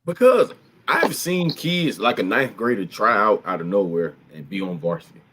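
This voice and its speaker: A man co-hosting a basketball podcast in casual chat, playful and quick to laugh. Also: fairly low pitch, very animated, fairly bright tone, husky. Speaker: podcast co-host.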